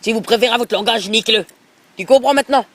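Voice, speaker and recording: This prank caller is a man posing as a rambling, pushy middle-aged football coach with an Alsatian accent, constantly repeating filler tags. He talks fast in an extremely high, slightly bright voice, with the phone close to his mouth.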